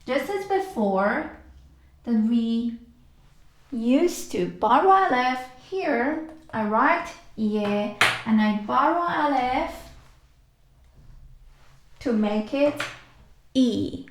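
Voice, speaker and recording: Woman, alphabet teacher, patient, repeats each word, very slow pace, roomy echo. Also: high voice, expressive, a little hiss or hum. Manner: patient, repeats words for practice. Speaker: language teacher. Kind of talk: slow step-by-step alphabet lesson.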